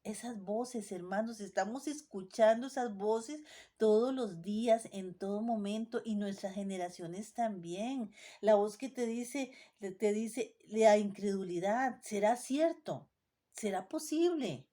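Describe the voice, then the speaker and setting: A woman preaching to her congregation in a mellow, warm tone. She speaks with emphasis, poses rhetorical questions and repeats her points. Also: mid-range voice, a little slow. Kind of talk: sermon.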